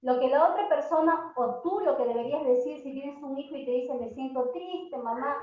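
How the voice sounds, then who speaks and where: A woman with a high voice speaks to a group of parents. She keeps asking them questions and slows right down on the words she wants to stress. The recording is very echoey and dull, as if picked up in a bare room on a low-grade mic. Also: warm tone. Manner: asks the audience many questions. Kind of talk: talk to parents.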